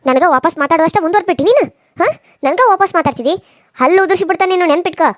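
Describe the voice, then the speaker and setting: A scornful cartoon mother-in-law with a North Karnataka accent, voiced by a woman, snaps out quick insults. Her voice sits lower than the young wife's. The recording is dry and close. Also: no echo. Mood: scolding. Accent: North Karnataka Kannada. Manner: scolding, contemptuous. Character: harsh scheming rich mother-in-law, middle-aged. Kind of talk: cartoon serial voice acting.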